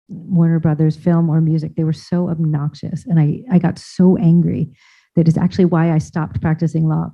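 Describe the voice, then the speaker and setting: A woman speaks at a conference in a casual, rambling way, tossing in fillers and restarting her sentences. Her voice is on the lower side. The recording is somewhat dull, as though the highs were cut off. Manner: chatty, many fillers and restarts. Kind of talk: informal conference talk.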